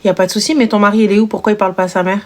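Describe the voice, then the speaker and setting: This young streamer takes calls live in rapid-fire speech, her medium-pitched voice level and a bit dark. Bluntness and teasing mark her casual chat, and she sometimes puts on over-the-top mom voices.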